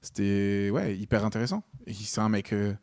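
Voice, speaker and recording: A man's voice: fairly low pitch, moderate pace, a little mellow, no room sound. A young man from Normandy chatting casually as a podcast guest, enthusiastic and full of fillers and restarts. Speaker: guest comedian and comedy club organiser.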